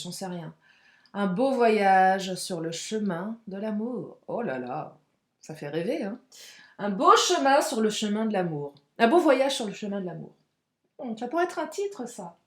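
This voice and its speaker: Chatty woman reading cards, roomy echo. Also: mid-range voice. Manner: chatty and expressive, with frequent exclamations; frank and outspoken. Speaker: tarot and oracle card reader. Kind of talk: casual spoken card reading to viewers.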